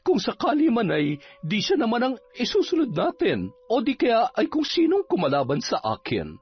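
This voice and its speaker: A man's voice: very high-pitched, huge pitch swings, moderate pace, slightly rough, voice pushed up, heavily acted. A man voicing a scheming, two-faced middle-aged woman village captain who is sugary in public and sneering in private, in a horror radio drama. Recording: slightly dull recording with music underneath.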